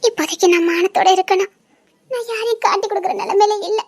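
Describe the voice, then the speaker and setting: Woman voicing a tearful young woman on the run, very high voice. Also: fast. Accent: Tirunelveli Tamil. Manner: anxious, pleading, often near tears. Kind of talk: audio drama acting.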